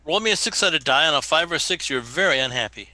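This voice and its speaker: A man acting as game master, narrating a tabletop game off the cuff in a halting, colloquial way. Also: a little high, animated, sharp tone, dry recording.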